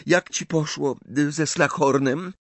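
A man voicing an earnest, quick-talking teenage schoolgirl. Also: fairly high pitch, steady tone, a bit bright, no echo, pitched above the performer's own voice. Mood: eager. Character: clever eager teenage schoolgirl.

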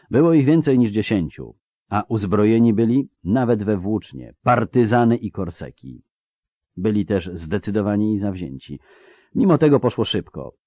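A man in scripted audiobook narration, telling the story in a measured, dramatic way. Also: deep voice, dark tone, no room sound.

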